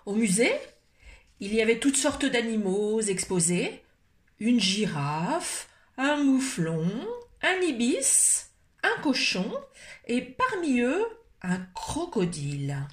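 Woman storyteller, slow and highly expressive, picture-book reading, fairly high voice. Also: reverberant. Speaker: library storyteller.

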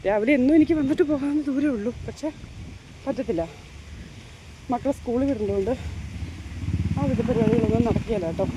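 A woman's voice: on the high side, fast talker, long pauses, background noise. A woman talking casually to her viewers as she walks outdoors, filming on a phone and chatting in a loose, running way. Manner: chatty, keeps addressing viewers with tag questions. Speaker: vlogger. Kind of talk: casual walking vlog. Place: outdoors walking along roads, then at home.

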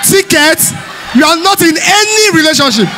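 A man from Delta State with a Nigerian Pidgin accent, doing loud, playful live stand-up at a church event. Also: extremely high pitch, animated, normal speed, slight background noise. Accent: Nigerian Pidgin English. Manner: loud, playful, teasing the crowd, often shouting and laughing. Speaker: stand-up comedian. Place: church hall stage.

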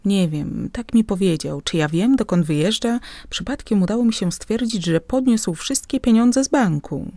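A woman's voice: medium pitch, expressive, normal speed, few pauses, dark tone, no echo. A woman reading the part of a young wife in an audiobook, speaking in a coaxing, pleading way.

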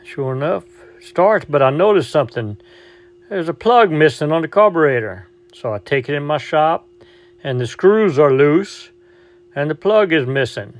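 With a slightly high voice, lively intonation and normal speed, this mechanic narrates fixing a vintage outboard motor, folksy and down-to-earth, always calling it "her." The audio quality is poor. It's a relaxed repair vlog shot between the workshop and the waterside.

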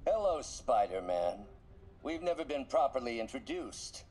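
An actor playing a calm, villainous male scientist mastermind in a video game, speaking in a measured, formal way. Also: medium pitch. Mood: cold.

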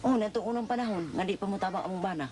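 A woman from the Philippines, a co-op member, talking at length in a documentary interview, rambling and halting, with many fillers. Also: medium pitch, noisy background.

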